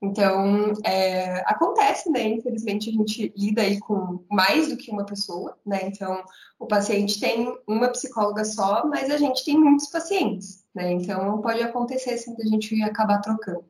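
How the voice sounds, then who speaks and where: Woman, mid-pitch, frank and reflective, chatty fillers, echoey room. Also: normal speed, a little mellow, a little hiss or hum. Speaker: psychologist. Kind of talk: casual chat.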